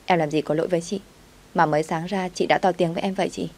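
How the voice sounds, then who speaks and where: A woman's voice: fairly low pitch, steady tone, fast talker. A woman reading a defiant young dishwasher.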